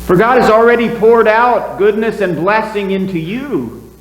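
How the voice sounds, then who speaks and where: A male pastor preaching a sermon into a pulpit microphone, speaking slowly with a lively, rising and falling delivery. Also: high-pitched. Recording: echoey church hall, faint hum.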